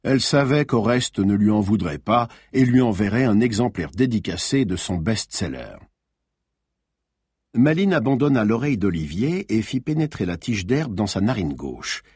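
A man narrating a novel as an audiobook, with expressive storytelling. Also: fairly low pitch, normal speed, husky, no echo, clean studio sound.

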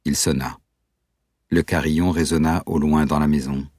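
Un narrateur masculin à la voix extrêmement grave et légèrement voilée lit un roman d'un ton mesuré. La prise est sèche et très proche du micro, sans aucune résonance. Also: male voice, rumbling low, steady tone, a little mellow, dry recording, clean studio sound. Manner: measured, descriptive reading. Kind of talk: scripted audiobook narration.

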